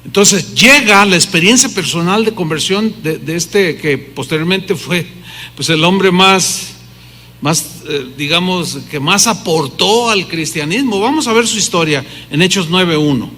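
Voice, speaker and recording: A man's voice: sits high, lively intonation, unhurried, bright, forceful tone. Emphatic male preacher in reverberant hall. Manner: emphatic preaching, rhetorical questions to the congregation. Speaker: pastor. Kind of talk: sermon.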